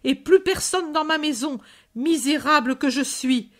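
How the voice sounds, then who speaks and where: Shrill, hysterical mourning mother, very high and strident, as a woman puts her on. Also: lively intonation, measured pace. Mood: shrieking. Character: shrieking hysterical mother mourning five children.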